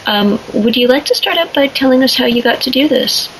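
A woman's voice: sits high, animated, fairly quick, slight background noise, rough recording. A woman hosting a podcast panel, moderating in a conversational way and guiding the talk with questions. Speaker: podcast host.

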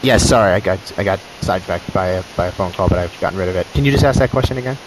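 A man guesting on a podcast answers questions over remote call audio, thinking aloud and restarting his sentences. His voice sits somewhat low. A faint hiss lies under the line. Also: racing. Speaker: journalist guest. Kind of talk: interview answers.

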